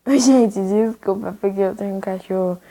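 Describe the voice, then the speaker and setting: A woman's voice: mid-range voice, moderate pace, dark tone. A young woman chatting casually as she plays a video game, talking to viewers and cooing at a dog in the game. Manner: chatty, talks to her game dog in baby talk. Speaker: gaming youtuber.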